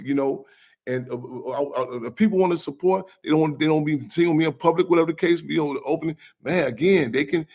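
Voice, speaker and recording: A man speaking as an activist guest on a radio talk show, passionate and quick, often repeating and restarting his phrases. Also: on the high side, slightly rough.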